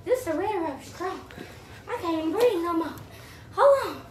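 A young woman vlogging, talking loudly in playful, protesting banter with her cousin. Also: very high voice, lively intonation, fairly quick, a little hiss or hum. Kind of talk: casual challenge vlog. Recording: echoey room from a distance.

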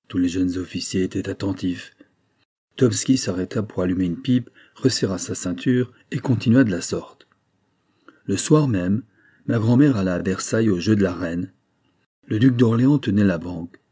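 A man narrating a classic novel as an audiobook in a steady, measured storytelling voice. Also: lowish voice, slightly rough, dry recording, studio quality.

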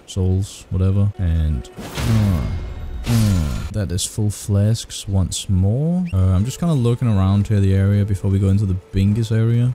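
A man giving excitable, profane gameplay commentary through a heavily compressed desk mic, often jumping up into high shrieks. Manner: excitable, swears a lot, jumps into high shrieks. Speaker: gaming video creator.

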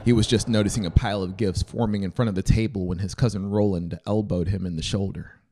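This audiobook narrator in his thirties talks fast, yet his voice stays steady and warm, sitting on the low side as he reads scripted fiction. A close dynamic mic on a boom stand captures him in a small brick-walled room indoors, faint music in the background.

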